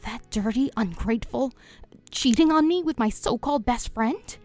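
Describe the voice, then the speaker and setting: A woman voicing a betrayed husband, a doctor plotting revenge, in an animated story; his speech is bitter and scheming. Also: on the low side, unhurried, creaky, breathy edge, faint music behind, full character voice. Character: betrayed husband, a sick doctor turned vengeful.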